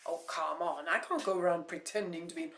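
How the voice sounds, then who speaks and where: A woman voicing an outspoken young woman student with quick, indignant retorts. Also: on the low side, very animated, a bit bright, a little hiss or hum. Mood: furious. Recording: roomy echo.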